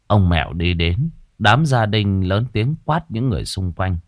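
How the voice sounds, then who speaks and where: A man's voice: lowish voice, expressive, measured pace, no echo, clean studio sound. A man narrating a horror story in a dramatic, vivid manner, lingering on grim details.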